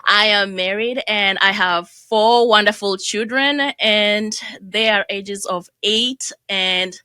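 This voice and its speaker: A woman's voice: mid-range voice, slow pace, bright, forceful tone, clean tone, no room sound. A woman in her thirties, from Burundi and raised in Kenya, telling her story as a podcast guest in a chatty way, laughing easily. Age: 30s. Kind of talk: casual interview.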